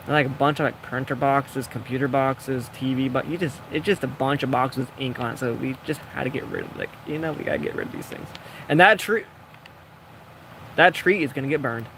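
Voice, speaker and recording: A man's voice: mid-range voice, fairly quick, a bit bright, slight background noise. A young man giving casual, rambling commentary while playing a building game, often talking to himself. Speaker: gaming vlogger.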